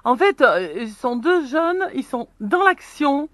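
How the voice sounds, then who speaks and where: A chatty woman with a fairly high voice narrates her own video as she films inside a camper van. She laughs often as she talks, and the sound comes from a small handheld action camera. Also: big pitch swings, slow pace, a bit bright. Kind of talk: casual vlog narration.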